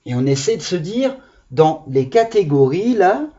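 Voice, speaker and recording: A man's voice: high-pitched, sing-song, dark tone, lo-fi sound. Patient man teaching young children. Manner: slow, patient, spells out syllables. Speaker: primary school teacher. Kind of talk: remote lesson for young children.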